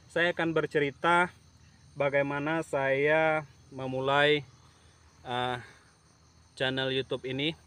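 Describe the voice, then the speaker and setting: Slow, halting man vlogging outdoors. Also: medium pitch, fairly bright tone, clean tone. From Indonesia. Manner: slow, halting with many fillers. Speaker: YouTube channel owner. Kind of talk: casual vlog talk to camera. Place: outdoors at an oil palm plantation. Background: insects and rural outdoor ambience.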